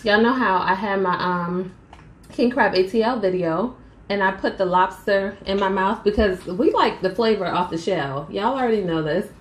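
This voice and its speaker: A woman's voice: mid-range voice, normal speed, roomy sound, a little hiss or hum. Chatty woman eating on camera. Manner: chatty, addresses viewers as y'all, eats between sentences. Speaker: mukbang vlogger. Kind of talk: casual eating vlog chat. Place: small room at home, indoors.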